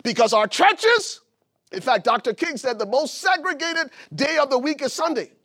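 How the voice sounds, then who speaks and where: A pastor from Liberia preaching a sermon, building to shouted emphasis. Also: male voice, very high-pitched, animated, moderate pace. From Liberia, West Africa.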